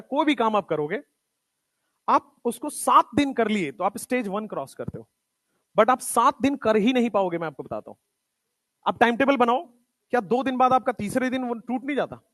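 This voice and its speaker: A man's voice: very high-pitched, a bit bright, dry recording. A man teaching a class of students, giving a motivational talk in a mix of Hindi and English and repeating his points for emphasis. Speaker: coaching teacher.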